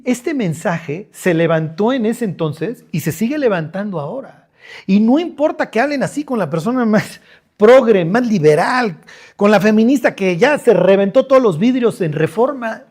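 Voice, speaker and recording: A middle-aged man with a Mexican Spanish accent preaching a lively, conversational sermon, joking and using slang as he acts out scenes. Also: high-pitched. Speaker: pastor.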